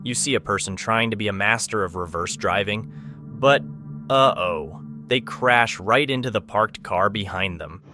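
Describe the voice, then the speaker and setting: Low-voiced man narrating dramatically. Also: unhurried, sharp tone, faint music behind. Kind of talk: dramatic scripted video narration.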